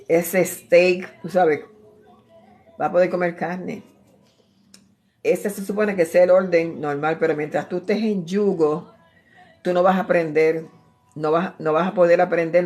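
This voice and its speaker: A woman's voice: fairly low pitch, darkish tone. A woman, preaching in a loose, conversational way. She mixes scripture with her own testimony and keeps turning to the listener as brother. She circles back and repeats her phrases as she talks. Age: 60s. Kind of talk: informal preaching with personal testimony.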